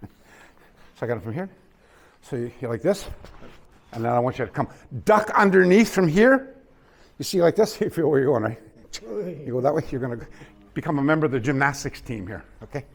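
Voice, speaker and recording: A man teaching a hands-on martial arts class in a dojo, coaching students with quick commands and laughter. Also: mid-range voice, expressive. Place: dojo hall.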